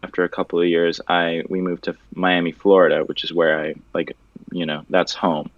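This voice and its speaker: A low-voiced young man from Venezuela chats loosely as a guest artist, joking and swearing now and then. The audio is dull and dry, with no room around it. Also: flat delivery, normal speed, dry recording. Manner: laid-back, loose and joking, with casual swearing. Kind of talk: casual interview chat.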